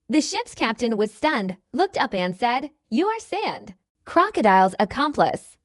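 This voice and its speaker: A woman narrates an action story in a dramatic audiobook manner. Her voice is high and swings widely in pitch, and the recording is dry and close with no room sound. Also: dry recording.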